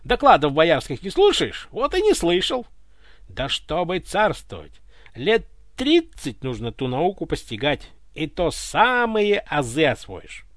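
A man voicing a pompous, touchy old tsar in a dry, close read, using a lively voice that keeps rising into roaring anger. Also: on the high side, measured pace, dry recording. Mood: scolding. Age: older. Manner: pompous, roars when offended.

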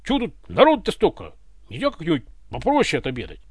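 A man's voice: on the high side, huge pitch swings, quick pace, breathy edge, no echo, heavily acted. A man voicing a brash, cheeky young commoner who keeps joking in folksy speech, read dry and close.

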